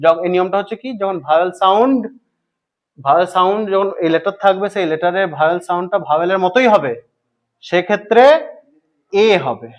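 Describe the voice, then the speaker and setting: High-voiced Bengali man teaching grammar. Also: lo-fi sound. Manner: asks questions to students and answers them himself; repeats points slowly for emphasis. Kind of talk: explanatory grammar lesson.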